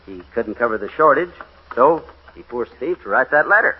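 A man's voice: medium pitch, expressive, normal speed, a little hiss or hum. A man narrating and hosting a 1950s radio western in an easygoing, folksy way, on a dull lo-fi old radio recording. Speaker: radio show host and singing cowboy narrator.

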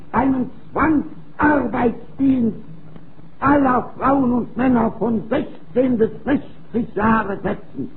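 Guy doing an emphatic 1930s campaign speech, slow delivery, thin phone-like old recording with some hiss. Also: very high voice. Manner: emphatic, declamatory, deliberate phrasing. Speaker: political campaign speaker. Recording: tinny, noisy early 1930s recording.

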